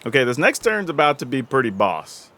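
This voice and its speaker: A man's voice: medium pitch, brisk, faint music behind. Chatty Southern man calling a card game. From American South. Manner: excitable, chatty, thinks aloud. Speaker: gameplay commentator. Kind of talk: casual gameplay commentary.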